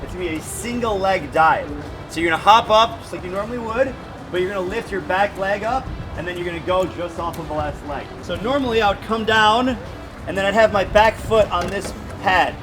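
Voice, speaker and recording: A man's voice: high-pitched, a little fast. A man in his thirties coaching a group through a demonstration outdoors at a swimming pool, projecting his instructions. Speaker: swim coach and presenter. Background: background music.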